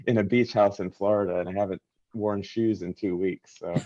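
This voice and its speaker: Man, low mellow voice, easygoing, lo-fi call line. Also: fairly quick. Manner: relaxed, easygoing. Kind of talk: casual live video chat. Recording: dull lo-fi call audio.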